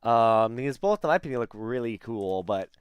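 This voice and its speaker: Smooth-voiced laid-back young man host. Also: medium pitch, expressive, normal speed, dry recording. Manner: laid-back, chatty with fillers. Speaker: talk show host. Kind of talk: casual chat.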